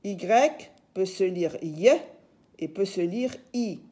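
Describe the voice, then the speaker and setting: A woman's voice: mid-range voice, expressive, slow, warm tone. A woman teacher giving a reading lesson, patiently sounding out letters and syllables one by one.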